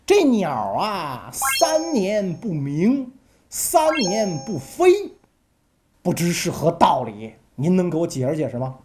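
A woman's voice: lowish voice, sing-song, slow pace, background noise. A woman voicing a witty male court official who sets his king a riddle, in a sly, respectful way.

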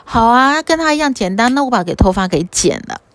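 A woman's voice: animated, quick pace, a bit bright, no echo. Woman doing a stubborn lovestruck girl. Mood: insistent. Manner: insistent, high and pleading. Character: lovestruck stubborn young girl, naive and blunt.

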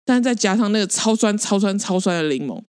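A woman co-hosting a podcast, expressive and quick to laugh. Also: mid-range voice, clean tone, no room sound, clean studio sound. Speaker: podcast co-host. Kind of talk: casual chat.

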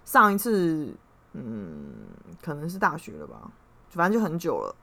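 Girl ranting on her podcast, lowish voice, rambles and swears. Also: wildly swooping pitch, measured pace, creaky, fairly bright tone. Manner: rambling, heated, swears when worked up. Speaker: podcast host and tarot reader. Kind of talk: casual storytelling monologue.

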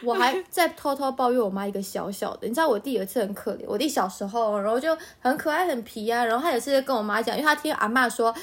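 Woman podcast host, high pitch, giggly storyteller in a casual chat. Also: expressive, fast, hardly any pauses. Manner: laughs often while telling family stories.

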